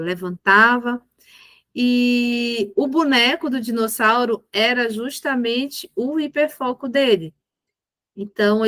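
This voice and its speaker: A woman's voice: a little high, fairly bright tone, dry recording. A woman, a mentor patiently explaining behavior management with examples. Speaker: ABA mentor.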